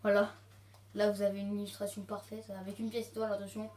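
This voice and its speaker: A woman giving casual let's-play commentary on a video game. She is excitable, yelps when startled and repeats phrases to calm herself. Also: medium pitch, fast talker. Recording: roomy sound with loud game music.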